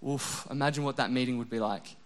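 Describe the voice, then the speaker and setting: A young adult man preaching a sermon, animated and self-deprecating, dropping to a soft, low voice when he voices prayers. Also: fast. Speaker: pastor.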